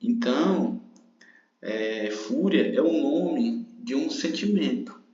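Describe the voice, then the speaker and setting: A man of middle pitch walks through an exam-prep grammar lesson, patiently explaining and checking in with the listener. His voice sounds roomy and slightly dull, as if recorded lo-fi in an echoing room. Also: lively intonation, takes it slowly, warm tone. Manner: explanatory, frequent tag questions. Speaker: teacher.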